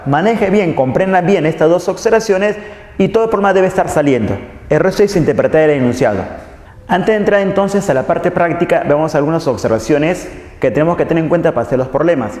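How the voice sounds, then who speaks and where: A man's voice: a little high, a little mellow. A man teaching a math lesson, patiently repeating key phrases and asking students questions. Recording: echoey room with long reverb.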